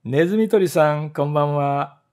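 A man's voice: sing-song, a little slow, darkish tone. A man voicing a sly, ungrateful little male mouse who talks down to others and wails shrilly when wronged. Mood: grumbling. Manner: smug and condescending, turning to shrill wailing.

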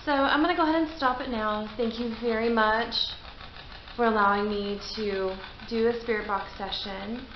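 A woman's voice: on the high side, steady tone, normal speed. A middle-aged woman talking casually as host of a homemade vlog in a garage. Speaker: video host. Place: small garage, indoors. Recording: dull roomy garage sound with noise.

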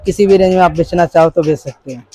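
A man in his thirties working as a wholesale shopkeeper, showing goods and listing prices in a brisk, repetitive sales patter inside a crowded shop. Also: fairly high pitch, mellow, dry recording, rough recording. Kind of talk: sales pitch to a vlogger. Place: crowded cosmetics shop, indoors.

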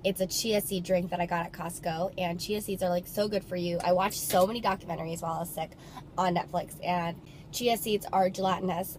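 A woman's voice: lowish voice, a little mellow, slight background noise. A young woman vlogging in a casual, chatty way, filling her talk with "like", her voice a little nasal from a cold. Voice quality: slightly nasal from congestion. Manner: bubbly, chatty, lots of filler "like". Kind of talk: casual vlog chat.

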